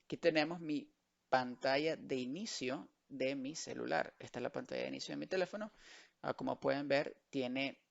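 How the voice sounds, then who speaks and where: Gravelly male teacher, slow patient drills. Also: mid-range voice, lo-fi sound. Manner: slow, drilled repetition of words. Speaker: English teacher. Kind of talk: bilingual online vocabulary lesson.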